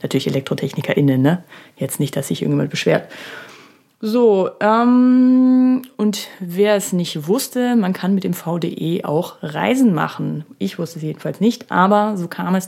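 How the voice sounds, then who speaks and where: A woman in her thirties talks solo into a studio microphone for her podcast. She is chatty and self-ironic, with a slightly low voice, and she often pauses on filler sounds. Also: creaky, mellow. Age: 30s. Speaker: podcast host. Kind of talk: casual solo podcast monologue.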